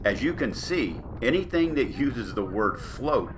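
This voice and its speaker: A man's voice: mid-range voice, very animated, measured pace. A man giving a scripted narration as a weather journalist reviewing gear. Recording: clear background noise, storm ambience.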